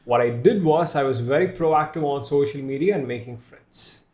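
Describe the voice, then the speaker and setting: A man's voice: mid-range voice, normal speed, a little mellow. Man with a mixed Indian-Western accent. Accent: mix of Indian and Western English. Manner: rambling, self-deprecating, repeats words, laughs often. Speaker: podcast host. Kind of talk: casual podcast chat.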